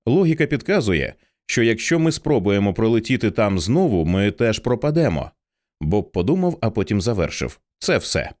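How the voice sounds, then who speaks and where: A man's voice: lowish voice, sing-song, normal speed, darkish tone. A man reading an audiobook voices a shaken male writer who explains things earnestly. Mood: grave.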